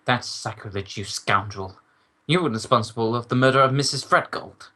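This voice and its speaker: An actor playing a stuffy gentleman doctor, a detective's loyal companion, in an old-time radio drama with a proper, grumbling manner. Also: mid-range voice, normal speed. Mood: indignant.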